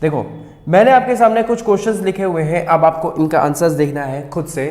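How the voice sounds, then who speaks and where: A man's voice: fairly high pitch, brisk, a little mellow. A man teaching an English grammar lesson, explaining step by step, repeating key words and asking and answering his own questions. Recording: echoey room with long reverb.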